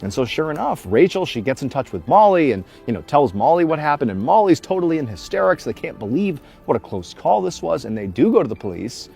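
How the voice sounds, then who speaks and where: A man tells a creepy true tale like a casual but dramatic storyteller, with music underneath. His pitch moves in a lively, expressive way as he leans on key words. He keeps it conversational while building suspense. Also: a little fast, gravelly, hardly any pauses, husky. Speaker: storyteller, host of a story show.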